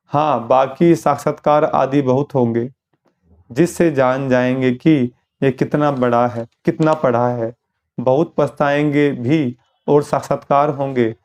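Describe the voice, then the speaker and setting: Man giving a steady spiritual sermon. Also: mid-range voice. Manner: steady, explanatory, with rhetorical questions. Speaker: spiritual teacher explaining a daily lesson. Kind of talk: sermon commentary.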